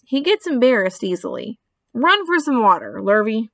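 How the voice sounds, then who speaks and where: Woman playing an excitable, high-voiced farmer man. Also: moderate pace, vocal fry, dry recording, clean studio sound, exaggerated voice. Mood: insistent, flustered. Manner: hollering, emphatic. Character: excitable, blustering male farmer, proud and exasperated.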